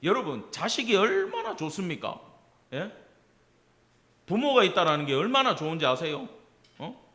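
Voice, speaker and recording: A man's voice: sits high, huge pitch swings, moderate pace, pushed and bright. A middle-aged man preaching a Wednesday sermon as pastor, acting out family dialogue and asking the congregation questions. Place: church sanctuary.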